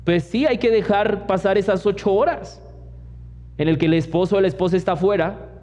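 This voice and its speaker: A man's voice: sits high, fairly quick, a little mellow. A young man with a Mexican accent preaching a sermon as pastor, telling personal stories and acting out the voices of the people in them. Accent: Mexican Spanish. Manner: storytelling preacher who mimics others in quoted asides. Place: church hall. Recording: long church hall reverb, dull lo-fi sound.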